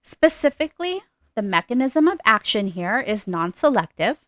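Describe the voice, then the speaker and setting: A woman giving a recorded nursing pharmacology lecture. She talks deliberately and stresses the key terms as she explains them. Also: fairly high pitch, big pitch swings, fairly bright tone, dry recording.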